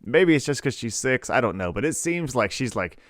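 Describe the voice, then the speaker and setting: A man's voice: medium pitch, brisk, dry recording, studio quality. A man in his thirties co-hosting a parenting podcast, telling loose stories full of fillers. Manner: relaxed storytelling, many fillers. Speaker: podcast co-host. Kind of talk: casual chat.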